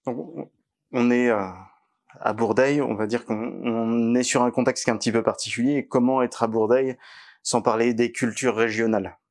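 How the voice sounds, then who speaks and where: A man from western France speaking at a public meeting in a village hall, earnest and halting with many fillers. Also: mid-range voice, steady tone. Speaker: political candidate.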